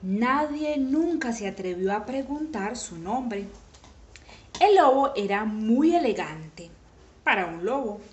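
A woman reading a children's story aloud in an animated way, with sudden shouted exclamations. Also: fairly high pitch, slow pace, reverberant.

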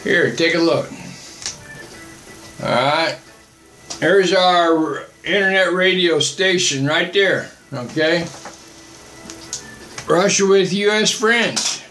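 Older man, missionary livestream host, blunt, repetitive, slow, roomy webcam audio. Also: high-pitched, bright, forceful tone, soft background music. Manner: blunt, repetitive, reads out viewer comments and answers them. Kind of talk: livestream preaching and chat. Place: small home office, indoors. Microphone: webcam at desk.

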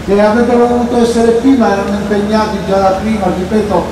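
A man's voice: high voice, steady tone, quick pace. A man in his sixties addresses a public gathering from an outdoor stage as its host. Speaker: rally host introducing speakers. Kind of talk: public speech, later reading a letter aloud. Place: outdoor stage in a town square at night. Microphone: handheld mic through PA, recorded by far camera. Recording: echoing outdoor PA, distant and noisy.

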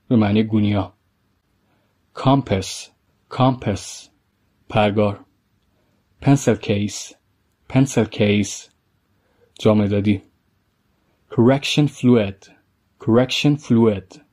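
A man with a low, mellow voice teaches vocabulary in a recorded lesson. He says each English word slowly and carefully twice before a short explanation.

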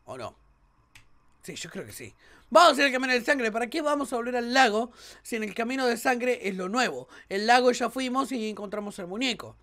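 A woman with an Argentine accent, a gaming YouTuber doing let's play commentary, excitable, often shrieking and laughing, with a sore throat. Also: a little high, a little fast. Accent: Argentine Spanish.

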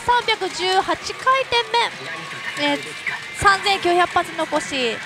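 A young woman with a very high voice gives casual live commentary in a pachinko parlour. She explains the play and reassures in short exclamations. Loud machine music plays right behind her headset mic. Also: expressive, slow. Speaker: pachinko show presenter. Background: loud pachinko machine music and effects.

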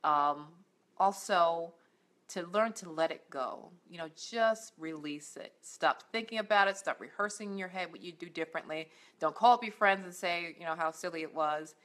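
A woman's voice: lowish voice, normal speed, fairly bright tone. A middle-aged woman, a life coach, giving earnest, encouraging faith-based talk to camera at home, with many fillers and restarts. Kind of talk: faith-based motivational vlog. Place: indoors at home, on a couch.

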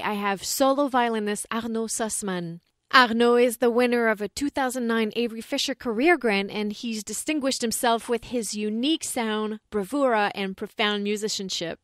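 Bright, enthusiastic woman podcast host. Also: on the high side, no echo, studio quality. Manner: enthusiastic, reading an introduction. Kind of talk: podcast interview.

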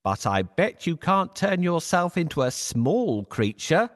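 A cunning, smooth-talking cat, put on by a man for a bedtime storybook. The voice sits high and swings widely in pitch as he flatters and persuades. It sounds playful and scheming. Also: unhurried. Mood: scheming, flattering.

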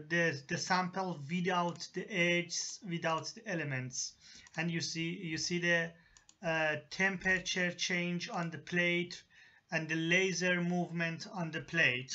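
Man, slow halting tutorial, lots of uh and restarts, lo-fi voice-over. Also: high voice, steady tone, pushed and bright. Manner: halting, many fillers and restarts. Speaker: engineering software tutor. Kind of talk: screen-recorded software tutorial. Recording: dull lo-fi voice-over.

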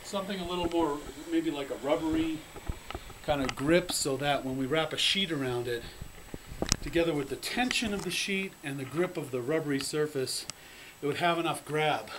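A man casually demonstrating a homemade prototype, talking in halting bits with fillers and restarts. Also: a little high, noisy background. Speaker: hobby builder demonstrating a prototype. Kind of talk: casual home-video demo. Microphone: handheld camera mic.

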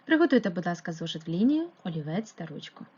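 Female primary teacher, patient and questioning, breathy voice, muffled recording. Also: on the low side, very animated, quick pace, darkish tone. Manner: patient, questioning, explaining step by step. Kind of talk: remote lesson narration.

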